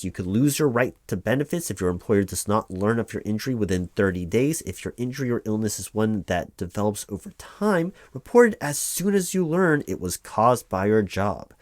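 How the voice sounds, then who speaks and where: In this spoken-aloud ASMR roleplay, a man takes on the role of a workers' compensation claims helper, reading through paperwork in a lowish, natural voice with an official, instructive mood. His ad-libbed asides ramble reassuringly, with hesitations and stammered repeats, and the studio-quality audio has no room sound.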